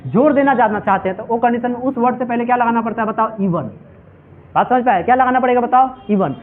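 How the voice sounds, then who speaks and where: A male English teacher giving a classroom lecture, asking his students question after question and calling them "my children". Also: very high voice. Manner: repetitive call-and-response questioning. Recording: tinny phone-like audio.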